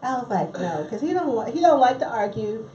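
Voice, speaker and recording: A woman's voice: fairly high pitch, expressive, quick pace, dark tone, a little hiss or hum. A married woman chatting casually and reflecting, laughing easily as she talks. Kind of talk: casual chat. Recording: distant, roomy, dull with faint ambience.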